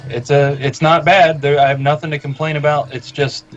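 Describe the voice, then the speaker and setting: A man's voice: a little high, level tone, fairly quick. Mild-mannered man on lo-fi audio. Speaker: podcast co-host. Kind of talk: casual chat. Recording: dull lo-fi audio with faint hiss.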